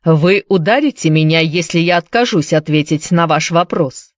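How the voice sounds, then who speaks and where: A woman's voice: low voice, moderate pace, dry recording, studio quality, close to an everyday voice. A woman reading as a curt young tavern keeper. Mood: irritated.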